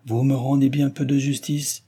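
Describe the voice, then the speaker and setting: A man voicing an impetuous young gentleman who pleads with ardent warmth. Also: mid-range voice, normal speed, slightly rough. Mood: pleading.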